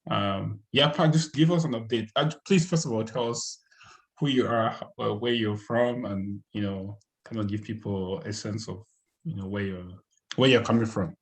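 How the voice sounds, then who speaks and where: A man's voice: lowish voice, normal speed, low-quality recording. A man hosting an interview podcast, welcoming a friend with a hesitant, friendly manner full of fillers. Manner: warm, hesitant, many fillers. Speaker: podcast host. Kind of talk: casual interview.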